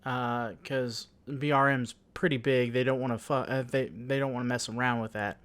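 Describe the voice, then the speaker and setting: A man telling a story on his vlog, halting and amused, laughing at himself as he goes. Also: medium pitch, steady tone, a bit bright, clear, resonant tone, dry recording. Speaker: YouTuber.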